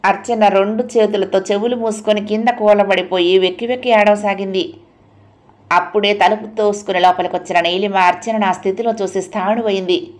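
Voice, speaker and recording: A woman narrator reading a novel aloud with steady, expressive storytelling. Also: mid-range voice, normal speed.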